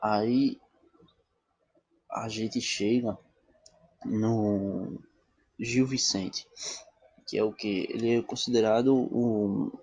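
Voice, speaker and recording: A man's voice: lowish voice, steady tone, very slow, long pauses, darkish tone, breathy edge, no room sound. A male teacher, giving a lecture who keeps checking in with his listeners and answers his own questions. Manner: checks in often with "tá bom?" and "né?"; asks questions and answers them himself. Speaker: literature teacher. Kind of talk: classroom-style lecture.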